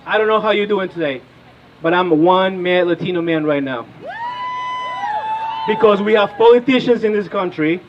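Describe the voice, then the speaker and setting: A high voice on a muffled recording belongs to a man in his thirties from Peru, a political organizer passionately addressing an outdoor rally and quizzing the crowd to rouse them.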